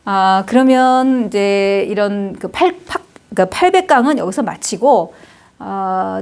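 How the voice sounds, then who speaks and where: Her voice is mid-range with a darkish tone: a middle-aged woman, the Hanja lecturer, talking casually about Chinese characters. The lecture is chatty, with plenty of fillers and tag questions.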